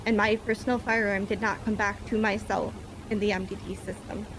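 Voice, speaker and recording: In this game roleplay, a woman acting as a police officer testifies formally in court, using rigid report language. Her medium-pitched voice barely rises or falls, she talks a little fast, and there's noise behind her.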